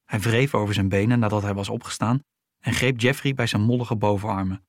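A man narrating a children's story in a steady, even reading voice. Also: lowish voice, fairly quick, no room sound, studio quality.

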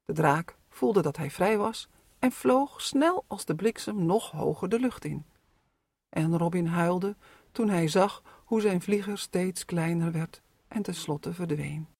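A narrator reading children's stories aloud with expressive, lively storytelling. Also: mid-range voice, measured pace, vocal fry, slightly rough, dry recording.

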